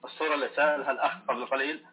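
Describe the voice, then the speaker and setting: A man calling in to ask a teacher a question over a garbled, noisy, low-quality online call, talking rapidly and politely. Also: fairly even intonation, breathy edge. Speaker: caller asking a question. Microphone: remote call audio. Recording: tinny, noisy phone-like call line.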